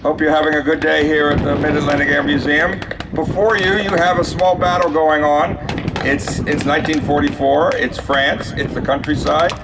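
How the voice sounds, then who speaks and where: Male reenactment announcer, slightly high, halting explanatory delivery, distant and buried in loud outdoor noise. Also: level tone. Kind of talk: live explanatory event commentary.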